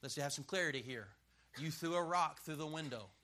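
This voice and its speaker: A man's voice: a little high, a little fast, sharp tone. A middle-aged man preaching a sermon as a pastor, emphatic and punchy, joking and drawing call-and-response from the crowd.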